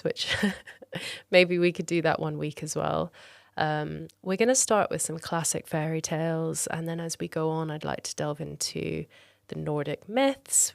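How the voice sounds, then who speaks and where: A woman podcast host chats informally in a low voice with plenty of vocal fry. The recording is very dry, and she talks in a personal, conversational way. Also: no room sound. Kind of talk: casual, personal podcast introduction.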